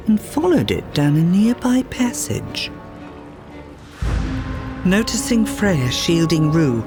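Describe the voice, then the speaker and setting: In a mid-range voice, a storyteller gives an expressive, scripted reading of a children's fairytale, with music playing underneath.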